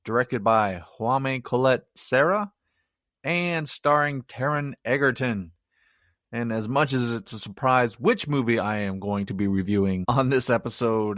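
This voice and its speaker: A man's voice: mid-range voice, fairly bright tone, no room sound. Chatty man hosting a dry-sounding podcast. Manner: chatty and rambling, self-mocking asides. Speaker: podcast host. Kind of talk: solo movie review podcast.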